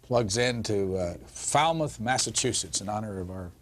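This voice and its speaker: A man hosting a call-in program, brisk and matter-of-fact as he takes calls. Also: on the low side, expressive. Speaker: call-in show host.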